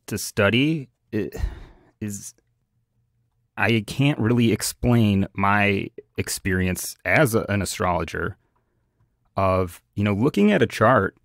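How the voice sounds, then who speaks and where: A man's voice: fairly low pitch, creaky, no room sound, studio quality. A man talking as an astrologer co-host in a casual podcast chat, hesitant, full of fillers and restarts.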